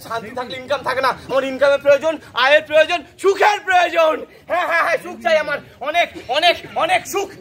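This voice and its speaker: A man's voice: very high voice, level tone, very fast, hardly any pauses. A man playing a scheming son who profits from family quarrels, declaiming theatrically in an amateur stage play. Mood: frantic. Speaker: stage actor. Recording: loud crowd noise.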